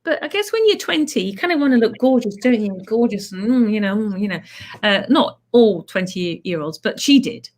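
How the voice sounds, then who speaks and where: A middle-aged woman who teaches clowning, telling stories in a chatty, animated way. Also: medium pitch, moderate pace. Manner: chatty, animated storytelling with playful asides. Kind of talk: casual chat.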